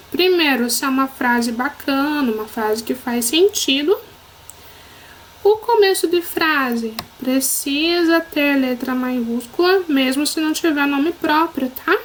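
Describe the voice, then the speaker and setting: A woman's voice: high-pitched, slight background noise, poor audio. A woman teacher with a Brazilian Portuguese accent giving a recorded lesson to children, patient and encouraging, often checking that they follow.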